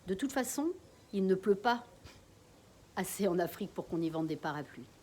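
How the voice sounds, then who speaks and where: A woman's voice: fairly low pitch, animated, moderate pace, dark tone. A woman voicing an old male neighbor who wheezes and tells stories in a wistful, rambling way. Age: older. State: wheezing, short of breath.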